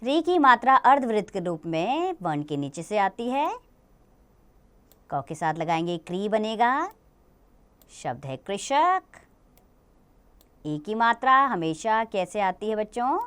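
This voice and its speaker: Smooth-voiced woman teaching children. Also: medium pitch, big pitch swings, fairly bright tone. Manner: slow, patient, explaining to children. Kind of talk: children's grammar lesson.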